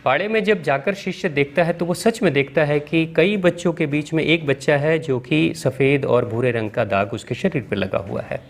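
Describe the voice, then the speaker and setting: A man, a spiritual teacher, telling a spiritual story in an animated, vivid way. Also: fairly high pitch, normal speed, creaky, hardly any pauses.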